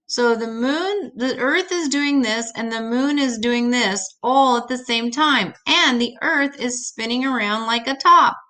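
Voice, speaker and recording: An older woman reads an educational children's book aloud, adding simple, patient explanations along the way. Her voice sits on the high side, pushed and bright, and she reads a little slowly with few pauses.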